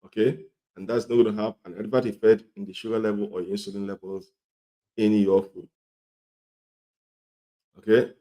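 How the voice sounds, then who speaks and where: A man with a coarse, gravelly voice, hoarse from a cold, giving emphatic, repetitive instructional talk to viewers as a health presenter. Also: lowish voice, steady tone, normal speed, pauses often, warm tone.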